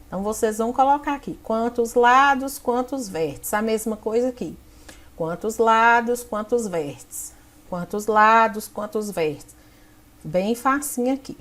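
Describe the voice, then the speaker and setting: A woman's voice: a little high, measured pace, fairly bright tone. A woman primary school teacher from Brazil, patiently explaining textbook activities to children step by step. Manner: patient, step-by-step, points at the page.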